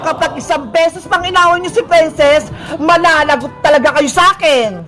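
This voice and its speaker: A voice actor playing a stern, quick-tempered mother who scolds children in a cartoon. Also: high voice, close to an everyday voice. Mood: scolding. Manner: scolding, sharp and reproachful. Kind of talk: cartoon voice acting. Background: cartoon background music.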